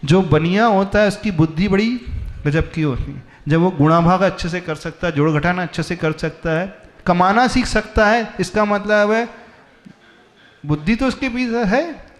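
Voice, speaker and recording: A man's voice: high-pitched, moderate pace. A man, a monk, giving a sermon and teaching with emphatic rhetorical questions. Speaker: Jain monk preacher.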